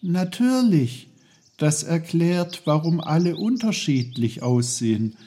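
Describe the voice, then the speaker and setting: A man's voice: fairly high pitch, expressive, slow, warm tone, voice pushed up. A man voicing Peter, a curious young boy who asks eager questions. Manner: eager, wondering.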